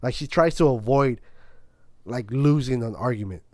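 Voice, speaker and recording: A man's voice: medium pitch, normal speed, mellow, no echo. Young man, podcast co-host, casual storyteller with lots of cursing, dry sound. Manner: rambling, swears a lot, acts out both sides of a quarrel.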